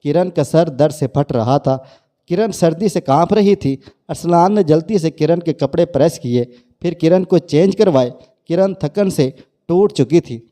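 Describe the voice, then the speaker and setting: Man reading out a family story, mellow soft tone, a bit high. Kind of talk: scripted story narration.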